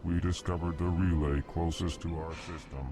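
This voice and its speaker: A man playing a huge, polite video game alien who speaks in a slow monotone and announces his emotions. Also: low voice, noisy background, close to an everyday voice. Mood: placid, formal. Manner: slow monotone, states feeling before each sentence. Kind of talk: video game character dialogue. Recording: game music over the voice.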